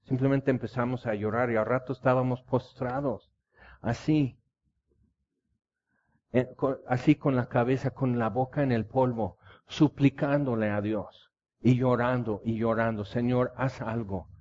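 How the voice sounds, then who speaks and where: Male preacher, impassioned storytelling, mellow tone, lo-fi recording. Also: medium pitch, fairly even intonation, unhurried. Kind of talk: sermon. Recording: dull lo-fi recording.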